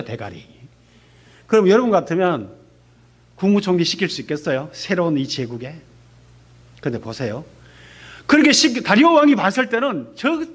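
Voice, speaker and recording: A missionary pastor in his fifties gives an animated testimony sermon during a church service, putting questions to the congregation. His voice is high-pitched with a breathy edge.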